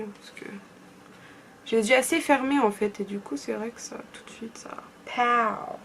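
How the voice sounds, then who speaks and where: A woman's voice: fairly high pitch, a little hiss or hum. A young woman from France chatting casually through a makeup tutorial, often trailing off into murmurs. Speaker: beauty vlogger.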